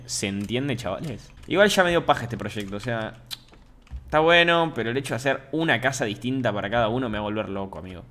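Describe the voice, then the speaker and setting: A young Minecraft streamer with an Argentine Spanish accent chats casually on his gaming stream, joking with viewers. He swings between low mumbles and outright shouts.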